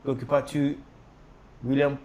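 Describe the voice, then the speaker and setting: Guy doing live play-by-play, mid-pitched voice, easy laughs. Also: little pitch movement, unhurried, dark tone, a little hiss or hum. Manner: calls the play, laughs often. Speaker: play-by-play commentator. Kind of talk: live football commentary.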